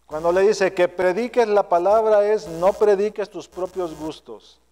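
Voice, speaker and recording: A male pastor preaching an earnest, self-searching sermon, his voice often trailing low and soft at the ends of phrases. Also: unhurried. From Mexico. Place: church sanctuary. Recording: long hall reverb.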